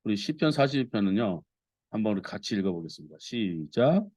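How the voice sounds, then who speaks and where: A man preaching a Sunday sermon as a pastor, earnest and expressive, reading scripture aloud with feeling. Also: fairly low pitch, brisk, dry recording.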